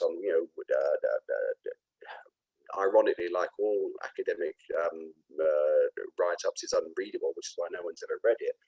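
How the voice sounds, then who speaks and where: A man with a Cockney accent walks through a product demo in an unscripted, halting way, full of restarts and fillers. His voice sits very low and has a husky edge. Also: a little mellow, low-quality recording. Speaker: presenter.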